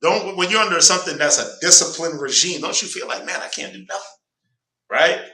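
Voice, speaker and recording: In an echoey room recorded from a distance, with slight background noise, a Southern-accented man teaches a relaxed Bible class. His high-pitched voice is fairly quick, pushed and bright, and congestion has him clearing his throat. He jokes with the group conversationally and tells a reader to "go ahead."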